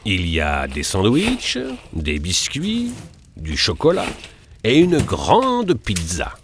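A man narrating a children's adventure story in an expressive reading. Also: deep voice, slow pace, slight background noise.

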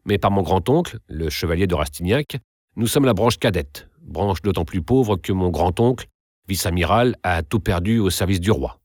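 An earnest, slightly awkward young student, as a male reader gives him voice, spoken low and deep. The sound is close and dry. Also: animated, normal speed, darkish tone, dry recording.

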